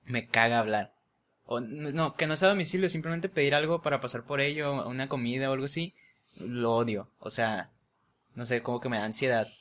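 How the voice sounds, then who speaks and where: A man's voice: medium pitch, brisk, fairly bright tone. A young man with a Mexican Spanish accent, chatting casually and telling a story full of slang, often laughing. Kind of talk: casual chat.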